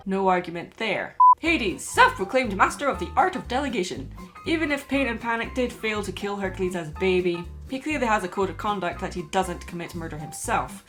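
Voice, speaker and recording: Faint music plays beneath a woman's mid-pitched voice as she narrates a scripted video essay. She sounds like a commentator making her case.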